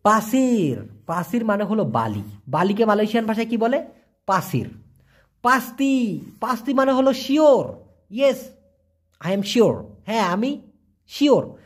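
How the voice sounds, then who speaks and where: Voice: medium pitch, lively intonation, a little slow, pauses often. A language teacher, giving a casual lesson and asking and answering their own questions. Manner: asks rhetorical questions and repeats words to drill them.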